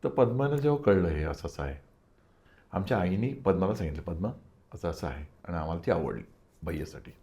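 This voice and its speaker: A man's voice: deep voice, lively intonation, brisk, dark tone. An older man, an interview guest, telling a personal story and acting out the dialogue of the people in it.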